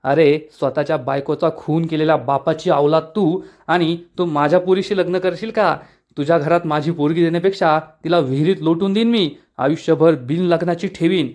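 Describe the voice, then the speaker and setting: A man's voice: on the high side, normal speed, darkish tone, lightly acted. A man reading out the lines of a furious, scolding older village aunt in a soap recap. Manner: scolding, harsh.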